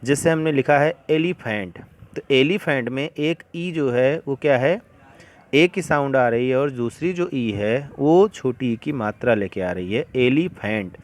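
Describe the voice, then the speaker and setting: A man teaching English to beginners, explaining slowly and patiently with many examples. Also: medium pitch. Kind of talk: beginner classroom-style lesson.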